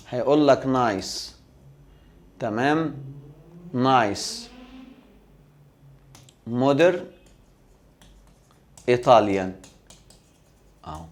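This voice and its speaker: A man's voice: medium pitch, a little mellow. Egyptian man teaching English grammar. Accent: Egyptian Arabic. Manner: explains step by step, answers his own rhetorical questions. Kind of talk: recorded grammar lesson.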